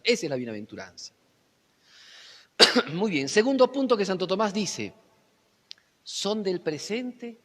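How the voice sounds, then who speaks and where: A man preaching a sermon, teaching and often asking his listeners rhetorical questions, swinging between loud emphatic lines and quiet low ones. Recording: long hall reverb.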